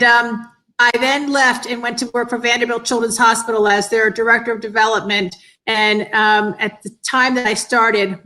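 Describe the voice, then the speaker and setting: A woman's voice: on the high side, pushed and bright, low-quality recording. A woman in her fifties from the northeastern US, giving earnest, appreciative answers as an interview guest. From northeastern United States. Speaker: interview guest, children's cancer charity director. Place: indoors on an online call.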